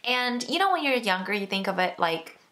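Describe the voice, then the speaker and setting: A woman's voice: medium pitch, very animated, normal speed, fairly bright tone. A woman in her twenties chatting casually to her viewers and answering their questions, chatty and self-deprecating, with lots of fillers. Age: 20s. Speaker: beauty vlogger. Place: indoor, seated.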